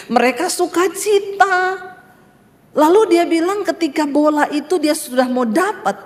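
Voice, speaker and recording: A woman pastor preaching a sermon, telling stories with lively acted-out quotes and jokes for the congregation. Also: very high-pitched, in a large hall. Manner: animated storytelling, acts out quoted voices, jokes with the congregation. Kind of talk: sermon with storytelling.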